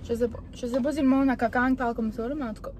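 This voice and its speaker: A woman's voice: on the high side, steady tone, racing, noisy background. A young woman with a Québécois accent, chatting casually to camera, rambling with lots of filler words. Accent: Québécois French. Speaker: vlogger. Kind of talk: casual vlog chat. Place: café, then home.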